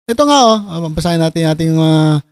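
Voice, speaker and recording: A man's voice: on the high side, lively intonation, fast talker, dry recording, studio quality. A man giving casual reaction commentary, mocking and sarcastic, often breaking into laughter. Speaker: video commentator.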